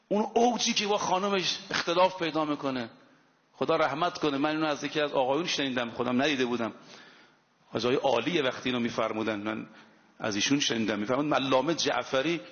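Male preacher, sermon, emphatic storytelling, slightly high voice, long reverb. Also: fairly bright tone. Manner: emphatic storytelling, quotes Arabic scripture. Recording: long hall reverb, dull lo-fi sound.

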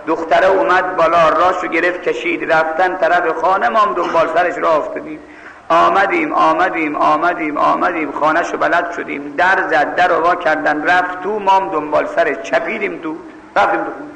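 A man from Mashhad preaching a sermon, telling a story in an animated, scolding way. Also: on the high side, vocal fry, echoey room, long reverb tail, a little hiss or hum, poor audio. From Mashhad, Iran.

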